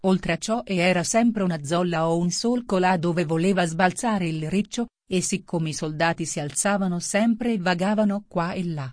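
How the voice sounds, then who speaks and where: A woman narrating a storybook in a measured, steady way. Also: lowish voice, no room sound, studio quality. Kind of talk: storybook reading.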